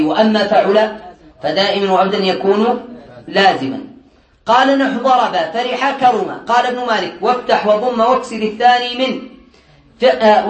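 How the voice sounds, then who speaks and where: A man teaching a classroom lesson on Arabic morphology to students, drilling word patterns by repetition, quizzing them with quick questions he answers himself, and joking lightly. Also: sits high, reverberant. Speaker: Islamic studies teacher.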